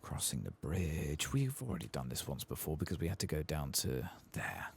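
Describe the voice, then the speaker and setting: A game streamer with a bass voice offers soft-spoken ASMR commentary, murmuring gently and breathily close to the mic and often sinking toward a whisper. He's very animated but keeps a normal speed.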